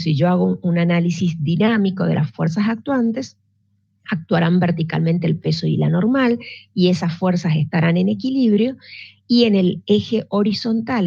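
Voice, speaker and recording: This woman's low-leaning voice has vocal fry, a warm tone, and a breathy edge. She teaches physics online, patiently explaining, frequently restarting, and checking on her students, captured in a dry, dull lo-fi recording.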